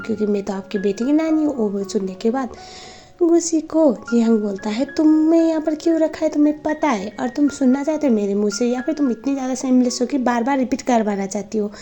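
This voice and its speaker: In a lo-fi recording, a woman with a high, mellow voice gives a casual rundown of a drama series, narrating scenes and quoting what the characters say in her own voice.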